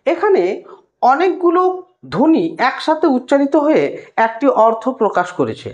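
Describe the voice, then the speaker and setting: A woman tutor with a West Bengal Bengali accent explains a lesson step by step to her students and sounds out single sounds slowly. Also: sits high, a little mellow, muffled recording. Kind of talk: recorded lesson lecture.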